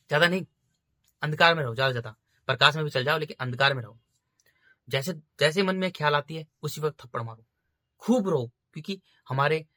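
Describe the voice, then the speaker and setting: A man's voice: fairly high pitch, bright, forceful tone, no room sound, studio quality. A man giving informal spiritual preaching, urging his listeners again and again and calling them brothers. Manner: insistent, repetitive exhortation. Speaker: spiritual speaker.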